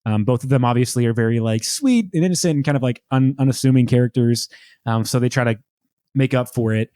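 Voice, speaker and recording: A man co-hosting a casual podcast, recapping a sitcom episode and often jumping into a high voice to quote lines. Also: quick pace, clean tone, no room sound. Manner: animated, jumps into high pitch to quote lines. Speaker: podcast co-host.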